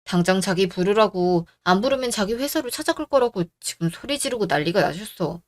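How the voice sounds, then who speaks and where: A voice actor doing a placating young husband. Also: male voice, sits high, animated, brisk. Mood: anxious. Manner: soft, placating. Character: young husband caught between wife and mother. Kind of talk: radio drama acting.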